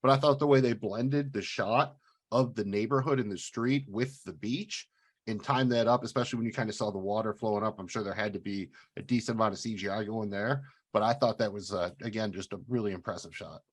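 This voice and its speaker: A man's voice: lowish voice, steady tone, fairly quick. A man co-hosting a review podcast, talking casually with fillers and restarts. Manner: chatty, hesitant with fillers. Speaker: podcast co-host.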